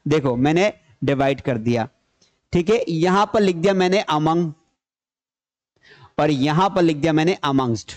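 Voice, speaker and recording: A man with a high voice gives a grammar lesson to a class. He repeats each point and asks questions he then answers himself. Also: expressive, a little slow, pauses often. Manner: repeats key points, explains in Hindi mixed with English terms. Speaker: grammar teacher. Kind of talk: classroom lecture.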